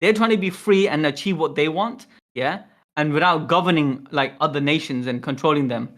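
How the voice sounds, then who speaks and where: A man hosting a livestream, chatting casually and reading along, excitable, repeating himself and stumbling over words. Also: fairly high pitch, normal speed. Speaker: livestream host. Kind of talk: casual chat and manga read-along.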